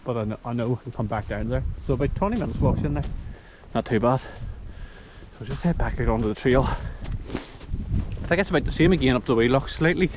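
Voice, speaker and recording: A man's voice: mid-range voice, a little fast. Northern Irish man, casual hiking vlog, thinks aloud mid-walk, handheld phone, heavy wind noise outdoors. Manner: chatty, thinking aloud while walking. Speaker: hiking vlogger. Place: outdoors on a wet, windy mountain trail. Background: wind and rain.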